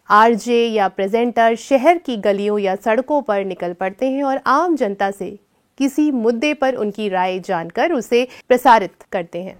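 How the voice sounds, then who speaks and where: A woman giving a scripted lecture on radio scriptwriting, speaking in a measured, deliberate way and varying her delivery to demonstrate. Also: fairly high pitch.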